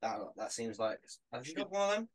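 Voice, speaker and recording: A man's voice: medium pitch, sing-song, a little fast, low-quality recording. A man chatting on a podcast, laid-back and hesitant, often repeating words. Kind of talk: casual podcast chat.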